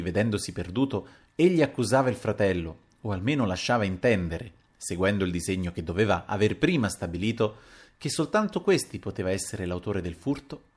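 A man reading literary fiction aloud as an audiobook narrator. His voice sits fairly low, and his delivery is measured and expressive, in the manner of a classic audiobook. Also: slightly rough.

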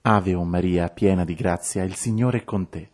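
A man reciting rosary prayers in a steady, measured, devotional way. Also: sits low.

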